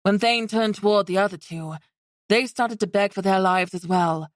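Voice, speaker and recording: A woman reading a fantasy romance audiobook in steady scripted narration. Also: medium pitch, moderate pace, no echo, clean studio sound.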